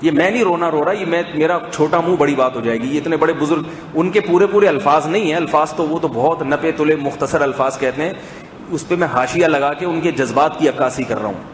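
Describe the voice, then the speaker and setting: A man giving an informal sermon, chatting with the audience through rhetorical questions and moving between a raised voice and a hushed one. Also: on the high side. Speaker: religious preacher. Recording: echoey hall, faint background hum.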